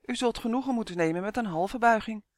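Brief: man as an eager storybook elf, high and fawning, dry close recording. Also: fast, no room sound, natural voice. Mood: gushing. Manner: gushing, fawning. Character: small excitable male elf, eager and flattering.

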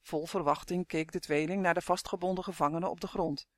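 A man's voice: sits high, steady tone, fairly quick, no echo, studio quality. A man narrating a fantasy storybook in a vivid, dramatic reading. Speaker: audiobook narrator.

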